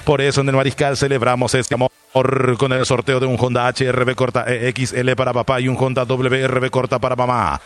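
Brief: male radio announcer, mid-pitched voice, slick ad-read delivery. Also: flat delivery. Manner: polished, salesy, slows for taglines. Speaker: commercial announcer. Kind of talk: scripted radio ad reads.

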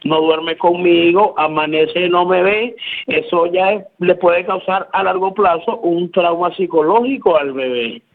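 A man's voice: high voice, a little slow. A man with a Venezuelan Caracas accent speaks on a phone interview, pleading and often repeating himself. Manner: pleading, repeats words, says "brother" often. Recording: tinny phone line on radio.

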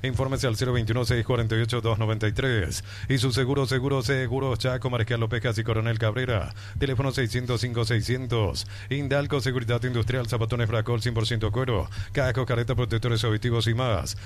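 Man doing rapid ad reads over a faint hum. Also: steady tone. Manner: brisk, sales-pitch delivery. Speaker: ad announcer. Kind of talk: radio ad reads.

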